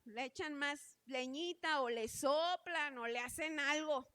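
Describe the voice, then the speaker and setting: High-voiced woman preaching. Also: a little slow, a bit bright, no echo, studio quality. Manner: earnest, repeatedly calling the congregation brothers. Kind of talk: sermon.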